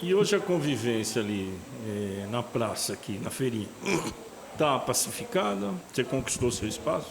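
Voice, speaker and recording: A man's voice: medium pitch, big pitch swings, normal speed, gravelly. A man co-hosting an interview at an outdoor street fair, asking playful, teasing questions. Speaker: co-host interviewer. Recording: busy outdoor crowd noise.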